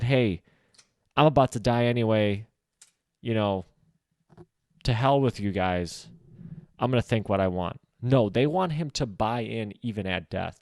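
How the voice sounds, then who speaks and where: A man's voice: mid-range voice, a little mellow, no echo, clean studio sound. A man hosting a solo podcast, casually discussing a novel, thinking aloud with frequent filler words.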